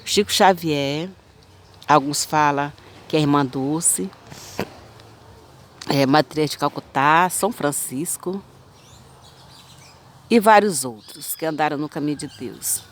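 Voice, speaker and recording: A woman in her fifties with a Brazilian accent, telling her own dreams in a rambling, repetitive, halting way. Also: deep voice, a little hiss or hum. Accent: Brazilian Portuguese. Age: 50s. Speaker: spiritual channel host. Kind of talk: personal testimony of dreams.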